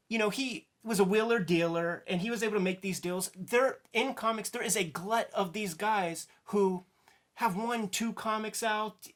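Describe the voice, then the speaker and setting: A man's voice: sits high, fairly bright tone. A man giving an opinionated, casual rant as a comics commentator, indignant, blunt and emphatic, with some swearing. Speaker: comics commentator on a discussion show.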